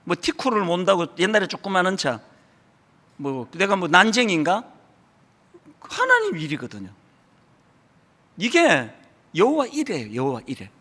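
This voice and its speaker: A man's voice: high-pitched, huge pitch swings, normal speed, long pauses. Korean pastor in his 60s preaching, voice swooping up and down, long church echo. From South Korea. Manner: emphatic, swinging between loud stresses and hushed drops. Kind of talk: sermon. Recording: reverberant hall.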